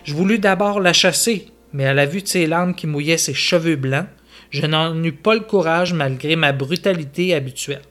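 A man's voice: on the high side, moderate pace, a bit bright, faint music behind, close to an everyday voice. A man reading the part of a dying, repentant woodsman who pleads and confesses his wrongs in an audio story. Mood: confessing. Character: dying repentant male woodsman, feverish and frightened.

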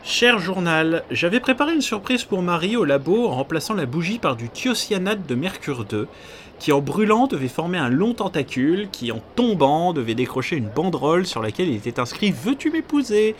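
A man hosting a podcast, reading a comic diary in a deadpan, absurd storytelling manner over background music. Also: a little high, a little fast, a little hiss or hum. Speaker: podcast host. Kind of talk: comedic scripted narration as a diary.

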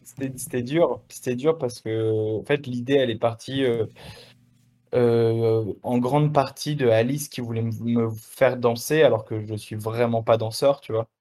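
A young adult man, a musician guest in a casual interview, talking in a relaxed, slangy way with many fillers and restarts. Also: medium pitch, measured pace.

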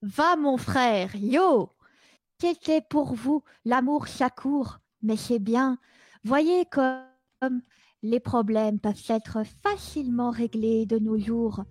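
A woman in an improvised comedy sketch voicing a grandly confident love adviser, with drawn-out pronouncements and the slurred speech of someone wearing braces. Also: a little high. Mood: grandly assured.

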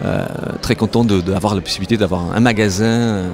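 At a crowded trade fair, a man represents his company in an interview, answering in French, which is not his native language, with a foreign accent. His fairly low voice keeps a fairly even intonation, and he halts and repeats words as he gropes for phrasing amid the crowd chatter.

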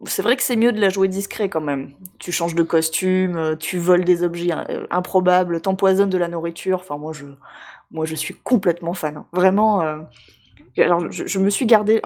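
A woman co-hosting a casual video game chat, enthusiastic and chatty, laughing often and filling pauses. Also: lowish voice, darkish tone. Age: adult with a job. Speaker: podcast co-host.

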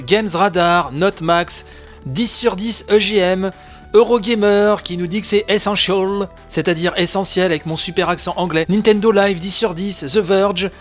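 The host of a laid-back video game press review, a married adult man, speaks in a high-pitched voice with a fairly bright tone. He's chatty and opinionated, often drifting into asides and using lots of fillers.

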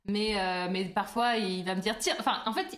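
A woman's voice: medium pitch, normal speed, fairly bright tone. A woman chatting casually as a podcast co-host, rambling with lots of hesitations and restarts. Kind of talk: casual chat. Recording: roomy echo.

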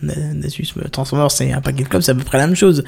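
A man's voice: fairly high pitch, quick pace, vocal fry, a little mellow, slightly rough. A man hosting a casual tech podcast, teasing and chatty, talking over a headset. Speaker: podcast host.

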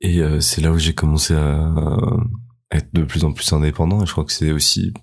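Very deep-voiced man, hesitant chat. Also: level tone, a little fast, husky. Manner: hesitant, many fillers, laughs often. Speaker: guest, heritage guide. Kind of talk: casual interview chat.

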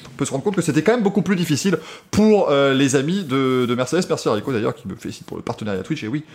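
Fast-talking animated French podcast host. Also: male voice, medium pitch. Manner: animated, laughs often, many fillers. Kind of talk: casual motorsport podcast chat.

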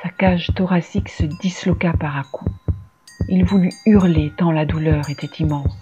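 Mellow-voiced dark fantasy storyteller. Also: medium pitch, fairly even intonation, normal speed, dull audio, soft background music. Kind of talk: scripted fantasy narration.

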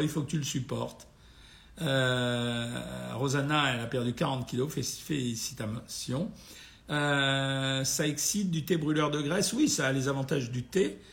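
A doctor hosts an informal live nutrition Q&A, reading out listeners' comments and replying in a blunt, familiar manner. His medium-pitched voice is gravelly and hoarse yet fairly bright in tone, and he sounds tired and somewhat worn out.

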